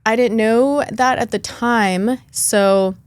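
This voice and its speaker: A woman's voice: on the high side, slow, smooth, no room sound. Earnest chatty woman guest, dry sound. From born in Lithuania, raised in Chicago. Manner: earnest, chatty, with light laughs and fillers. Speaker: podcast guest. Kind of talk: candid personal storytelling.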